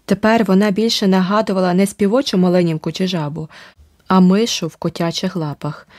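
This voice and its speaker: A woman narrating an adventure audiobook in a steady, vivid storytelling manner. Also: on the low side, a little fast, dry recording, studio quality. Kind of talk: scripted narration.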